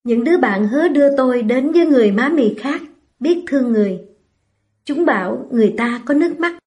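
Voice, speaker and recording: A woman reading a first-person story aloud in a slow, melancholy way. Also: high-pitched, lively intonation, darkish tone.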